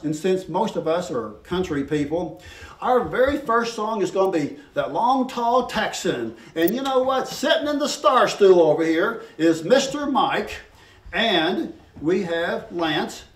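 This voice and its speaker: A man's voice: high-pitched, lively intonation, measured pace, a little hiss or hum. A man hosting a country music night, welcoming the room in a chatty, homespun, joking way. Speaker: show host. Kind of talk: folksy stage welcome. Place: ranch house music venue. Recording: roomy, from a distance.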